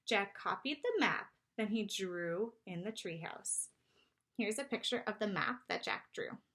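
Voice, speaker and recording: A woman reads a children's chapter book aloud, storytelling expressively in a mid-range voice at a measured pace.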